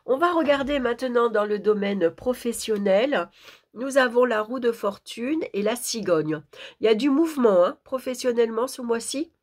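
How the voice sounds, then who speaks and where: A woman's voice: a little high, animated, moderate pace, darkish tone. A woman with a sore throat from tonsillitis presenting an informal tarot horoscope reading, subdued and searching for her words.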